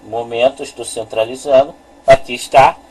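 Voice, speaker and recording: A man giving a slow, repetitive lesson on letters and sounds, pointing at a chart on his screen. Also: medium pitch, steady tone, a little mellow, a little hiss or hum, poor audio. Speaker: religious teacher.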